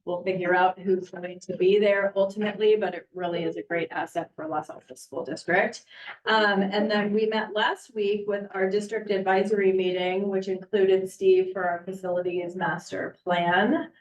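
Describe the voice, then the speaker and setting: A woman superintendent giving a casual, chatty update at a school board meeting, often pausing with ums and uhs. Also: medium pitch, fairly even intonation. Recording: echoey, distant, muffled meeting audio.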